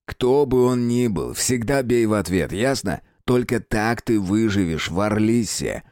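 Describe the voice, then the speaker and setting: A man voicing a blunt, gruff male fight master who scolds his pupil. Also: fairly low pitch, expressive, unhurried, a little mellow, dry recording, clean studio sound.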